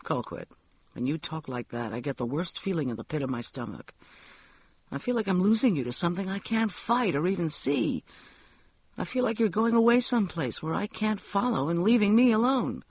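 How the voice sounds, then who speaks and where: A man doing a tired, hushed husband. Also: high-pitched, lively intonation, normal speed, breathy edge, exaggerated voice. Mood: tender. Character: tired, worried husband, gentle and pleading.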